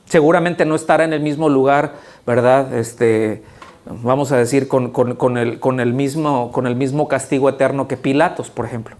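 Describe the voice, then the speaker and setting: A man preaching a sermon in a church, talking to the congregation in an animated, conversational way and often checking that they follow him. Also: mid-range voice, normal speed. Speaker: pastor. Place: church sanctuary.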